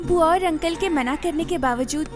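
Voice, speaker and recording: An actress playing a lonely, wistful young woman in love in a dubbed film, speaking softly and reflectively. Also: sits high, normal speed, over music, lightly acted. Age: young adult. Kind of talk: dubbed film acting with inner-monologue narration. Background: film score.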